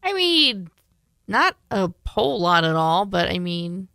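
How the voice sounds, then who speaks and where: A woman's voice: medium pitch, very animated, a little slow, vocal fry, sharp tone, no room sound. A woman co-hosting a radio morning show, giving short, teasing, dry replies in casual banter.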